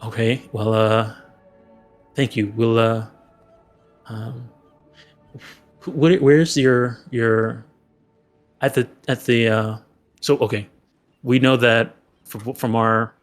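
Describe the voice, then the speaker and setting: A man playing a tabletop game, chatting casually and haltingly, often circling back on his phrases. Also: mid-range voice, fairly even intonation, faint music behind.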